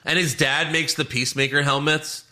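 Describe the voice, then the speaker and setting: A man's voice: on the high side, fairly even intonation, bright, forceful tone. A man co-hosting a podcast, casually recapping TV episodes and laughing often. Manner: recaps scenes with quick acted quotes, laughing often. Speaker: podcast co-host. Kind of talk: casual chat reviewing TV episodes.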